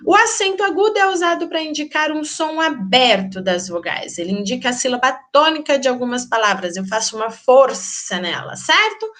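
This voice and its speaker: A woman teacher with a Brazilian Portuguese accent, giving a grammar lesson in a lively, sing-song teacherly way. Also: high-pitched, fairly quick, hardly any pauses.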